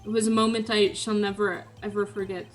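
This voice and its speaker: A woman's voice: mid-range voice, little pitch movement, a little fast, lightly acted. A woman voicing a prim, fussy male hotel bellboy on the witness stand, formal and adding "sir" to his lines.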